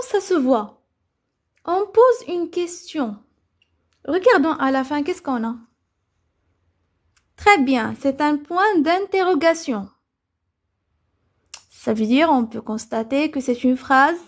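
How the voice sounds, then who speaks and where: A woman with a high, light voice leads a children's grammar lesson. She puts questions to the class, answers them herself and keeps checking that everyone has understood. Her tone stays patient and steady throughout. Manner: repeats "c'est bon?" to check understanding. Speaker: teacher.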